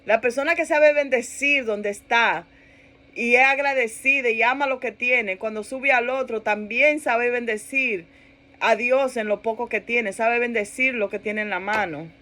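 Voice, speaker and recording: High-voiced woman pastor preaching animatedly. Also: measured pace. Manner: animated preaching, laughs and acts out quoted complaints; repeats phrases for emphasis, asks listeners "¿verdad?". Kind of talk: sermon.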